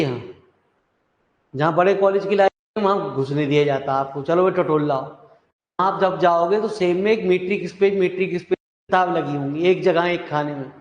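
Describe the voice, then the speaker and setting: A male math teacher, lecturing in a chatty way and calling the students "dear children". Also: on the high side. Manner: chatty, calls students "dear children", mixes English terms. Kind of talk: classroom lecture. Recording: echoey, dull classroom recording.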